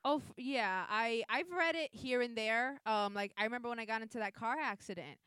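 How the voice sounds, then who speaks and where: Young woman, very smooth clear tone, dry close sound; loose rambling chat with casual swearing. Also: on the high side, brisk, fairly bright tone, no room sound.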